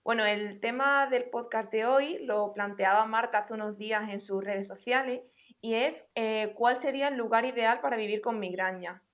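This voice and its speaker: Young woman podcast co-host, clear and organized. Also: on the high side, normal speed, fairly bright tone. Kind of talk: casual conversational podcast.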